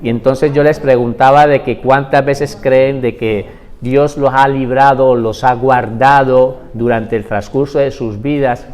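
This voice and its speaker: A man teaching a Bible class, retelling stories in a lively way and asking the class rhetorical questions. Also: medium pitch, unhurried. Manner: animated storytelling with rhetorical questions.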